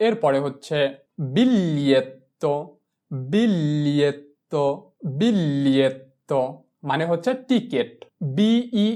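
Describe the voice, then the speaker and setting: A teacher with a Bangladeshi Bengali accent giving a pronunciation lesson, spelling words letter by letter and repeating them slowly. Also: medium pitch, a little mellow. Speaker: Italian teacher for Bengali speakers.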